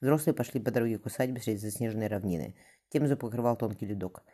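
Fast-reading man with a dark voice. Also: fairly low pitch. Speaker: audiobook narrator. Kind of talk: scripted narration.

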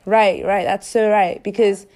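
A teenage girl hosts a laid-back podcast with her friends. She is chatty and energetic, and she teases her guests playfully. Her pitch sits in an ordinary middle range. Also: measured pace. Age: teens. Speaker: podcast host. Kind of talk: casual chat.

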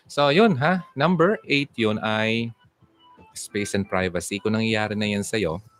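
A man's voice: on the low side, unhurried, faint music behind. A man hosting a casual livestream, answering viewer comments and giving relationship advice in a chatty, teasing way. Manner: chatty, teasing, animated, switches into English.

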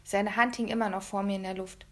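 A woman reading a first-person children's story aloud in a lively storytelling manner. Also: mid-range voice, fast talker. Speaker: audiobook reader.

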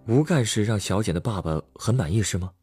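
Male co-host with a low, lively voice, prompting a storyteller with curious questions over faint music. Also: brisk, breathy edge, dry recording. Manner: curious, reacting with short questions. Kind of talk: conversational prompting.

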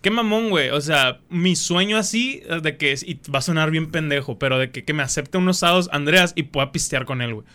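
A man's voice: a little high, a little fast, few pauses, sharp tone, clean tone. A young Mexican man hosting a podcast, telling rambling stories full of slang and acting out what people said. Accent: Mexican Spanish. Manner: slangy, rambling storyteller, acts out quotes. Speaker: podcast host. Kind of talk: casual chat.

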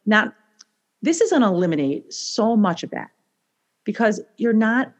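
A woman guest author talking casually in a podcast, animated and rambling with lots of restarts. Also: mid-range voice, normal speed. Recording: slightly dull lo-fi sound.

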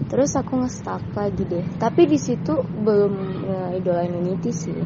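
A woman's voice: medium pitch, expressive, normal speed, lo-fi sound, heavy background noise. A woman from Gorontalo recounting her fan story in a plain, matter-of-fact way.

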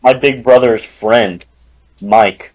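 Teen boy guest on a podcast, deadpan, rambles through his stories. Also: medium pitch, slow pace, poor audio. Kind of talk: casual chat.

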